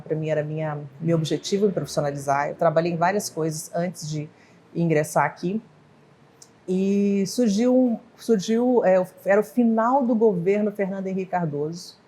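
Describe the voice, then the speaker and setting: Recounting her life story in an oral history interview, a pharmacy professor in her fifties from Goiás or northwest Minas Gerais, Brazil, speaks in a warm, rather low voice. She rambles and hesitates, correcting herself and restarting, with brief laughs at her own slips.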